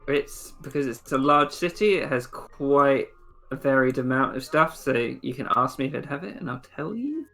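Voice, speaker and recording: A man's voice: mid-range voice, lively intonation, normal speed, bright, forceful tone. A man running a tabletop game as game master, chatting casually with the players. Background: background music.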